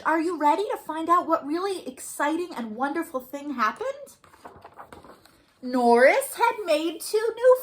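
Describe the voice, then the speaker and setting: A woman leads an animated children's storytime, reading, explaining and singing to young children. Her high-pitched, sharp voice sounds expressive and encouraging in simple, sing-song phrases.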